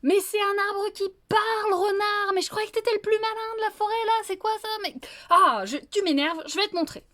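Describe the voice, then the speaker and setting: A woman voicing a scheming male wolf who grows loud and exasperated, stammering as he scolds. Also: normal speed, no room sound, natural voice. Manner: exasperated, shrill, stammering when upset.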